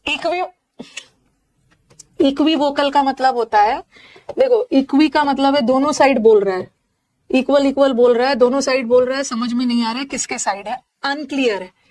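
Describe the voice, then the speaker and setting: A fairly high-voiced woman with an Indian accent runs a live online vocabulary class. She explains each word with playful memory tricks and quick asides to her students. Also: a little mellow. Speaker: English vocabulary teacher.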